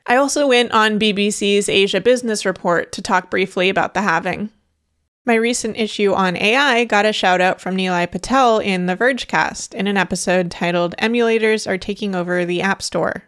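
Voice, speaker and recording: A woman reads her own newsletter aloud as its host, in a scripted, even delivery. Her tone stays dry and wry, with a middle-range pitch. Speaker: newsletter author reading her issue aloud.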